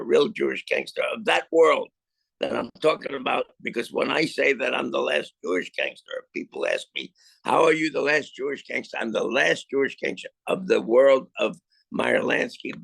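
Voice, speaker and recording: An older man telling his own story in a video-call interview, halting with many restarts and repeated words, then landing his points emphatically. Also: mid-range voice, vocal fry, fairly bright tone, husky, no echo. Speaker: film subject interviewed about his life.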